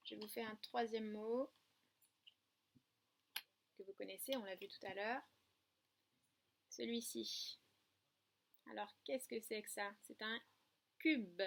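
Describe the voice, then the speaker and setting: A kindergarten teacher gives a remote lesson to young children, patient and clear as she stresses syllables and spells words out letter by letter. Her voice is mid-range with a fairly bright tone.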